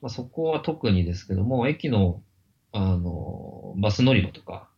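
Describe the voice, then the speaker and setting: A man's voice: fairly low pitch, animated, lo-fi sound. A middle-aged man speaking politely and steadily as a guest, with frequent fillers. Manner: polite, measured, many fillers. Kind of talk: casual conversational interview. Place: Kyoto.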